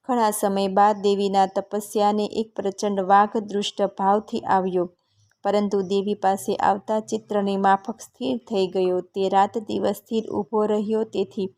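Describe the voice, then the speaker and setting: Woman reading scripture in an even tone. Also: mid-range voice. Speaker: narrator.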